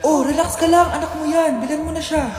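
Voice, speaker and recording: A woman doing an echoing calm inner voice. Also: high voice, fairly quick, lightly acted. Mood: soothing. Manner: soothing, urging calm. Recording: echoey hall effect over loud music.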